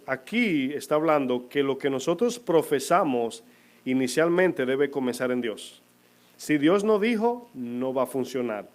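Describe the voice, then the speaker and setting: A man preaching a sermon to his congregation, asking them questions and answering them himself, slowing down to stress key words. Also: medium pitch. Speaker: pastor. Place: church.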